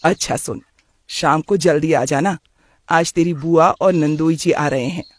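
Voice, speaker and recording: A weary traditional mother in a cartoon story, voiced by a man. She speaks softly and resignedly, her voice on the high side. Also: fairly even intonation, measured pace, dry recording, studio quality. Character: middle-aged woman, weary traditional mother. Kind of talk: cartoon voice acting.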